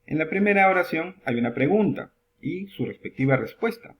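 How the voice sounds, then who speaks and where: Guy teaching an english lesson, voice bouncing all over, says the examples real slow then translates. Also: fairly high pitch, lively intonation, fairly bright tone. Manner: reads English examples slowly and deliberately, then translates them. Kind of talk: classroom lesson narration.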